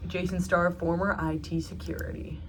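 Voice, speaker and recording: A woman's voice: on the low side, level tone, normal speed, noisy background. A young woman co-hosting a podcast in casual, teasing, giggly chat. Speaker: podcast co-host.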